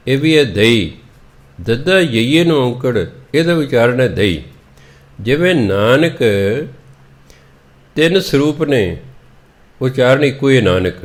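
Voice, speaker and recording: A man preaching on scripture, going verse by verse and spelling out words letter by letter in a deliberate, instructive way. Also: mid-range voice. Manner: deliberate, instructive tone with gentle appeals to listeners. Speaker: Sikh preacher explaining scripture. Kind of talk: slow scripture exposition.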